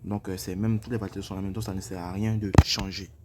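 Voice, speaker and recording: Low-voiced man giving a hesitant walkthrough. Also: level tone, quick pace, heavy background noise. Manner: hesitant, repeats himself, frequent "voilà" fillers. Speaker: crypto tutorial presenter. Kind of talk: casual step-by-step screen tutorial.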